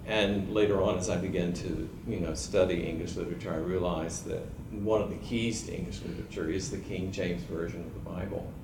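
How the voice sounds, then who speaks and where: A male writer from Georgia, USA, speaks as a panelist in a library event room, musing unhurriedly in a lowish voice with many ums and uhs. The reflective panel talk is heard in a roomy, echoey hall over steady background noise.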